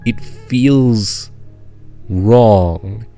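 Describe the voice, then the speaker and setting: A man narrating as game master of a tabletop game, deadpan and slowing down to stress odd details. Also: on the low side, soft background music.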